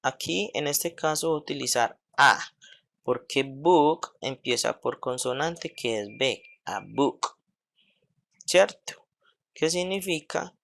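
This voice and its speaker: Man, English teacher explaining grammar in Spanish, slightly high voice, slow unhurried pace, keeps checking understanding. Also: gravelly, fairly bright tone. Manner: checks understanding with frequent "¿sí?" and "¿cierto?"; says English examples slowly and carefully.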